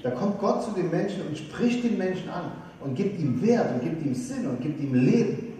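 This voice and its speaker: A man from Saxony preaching a sermon, lively and putting questions straight to his congregation. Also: on the high side, normal speed. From Saxony, eastern Germany. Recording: echoey hall, voice from a distance.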